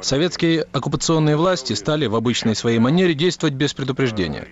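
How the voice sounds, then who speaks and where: A man reading a scripted radio documentary narration in a steady, clear way. The sound is a slightly muffled radio broadcast. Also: mid-range voice, quick pace. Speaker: radio program reader.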